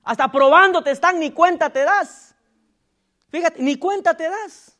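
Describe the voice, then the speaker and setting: A man preaching a sermon as pastor in a church, calling out loudly and acting out gossip in low murmurs. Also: measured pace. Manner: preaching with sudden loud calls and acted gossip asides.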